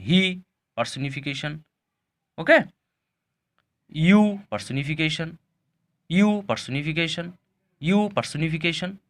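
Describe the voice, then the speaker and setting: A man teaching a poetry lesson with an Indian English accent, his voice sitting a little higher than most men's. He talks very slowly and patiently, spelling words out letter by letter and often asking his students whether they have understood. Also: sharp tone. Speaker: school teacher. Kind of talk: recorded online lesson explaining a poem.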